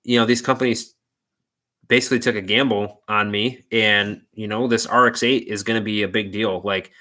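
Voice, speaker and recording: Bright-toned casual car-channel guy. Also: on the low side, fairly even intonation, moderate pace. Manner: loose, rambling, heavy on "like" and "dude". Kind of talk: casual live stream chat.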